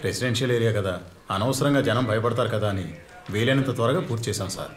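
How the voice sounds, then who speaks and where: A man voicing a dutiful constable who calls his boss sir every few words and barks at the people beneath him. He talks very fast, and the room around him sounds roomy and echoey. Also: medium pitch, natural voice. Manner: deferential to his boss, bossy to others. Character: dutiful male constable, gruff with underlings. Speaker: police constable. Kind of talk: dubbed film acting. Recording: roomy echo.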